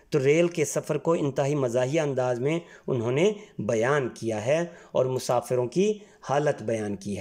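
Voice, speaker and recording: A man's voice: medium pitch, dark tone. A man from Pakistan, teaching a textbook exercise patiently and spelling words out letter by letter. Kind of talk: Urdu textbook exercise lesson.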